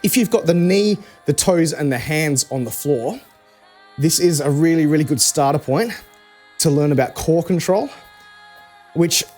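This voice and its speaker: A man with a slightly high voice leads a live workout class. He talks casually as a fitness coach, cueing each move step by step. Faint music plays behind him. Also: a bit bright. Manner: conversational coaching, cueing exercise moves step by step.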